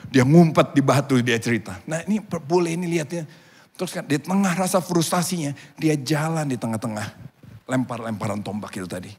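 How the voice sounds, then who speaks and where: A male pastor with a slightly high, husky voice preaching a sermon. He tells the story with animated energy, acting out the voices of the people in it. His voice rings through a reverberant church hall. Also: fairly quick. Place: church auditorium.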